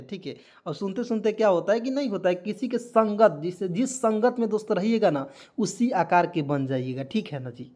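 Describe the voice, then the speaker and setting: A man with a high, darkish voice teaches English vocabulary with patient classroom manners. Each word gets spelled letter by letter and repeated several times, while he keeps quizzing the people watching.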